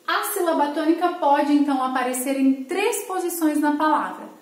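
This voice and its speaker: High-pitched patient woman teacher, echoey room. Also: moderate pace. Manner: clear, patient, explanatory, frequent "tá?" check-ins. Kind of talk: recorded online lesson for children.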